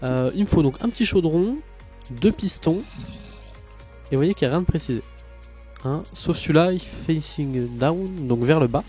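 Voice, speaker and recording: A man's voice: a little high, expressive, normal speed, long pauses, warm tone, soft background music. A tired man narrating a game tutorial in a casual, rambling way, full of hesitations and asides. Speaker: Minecraft tutorial youtuber.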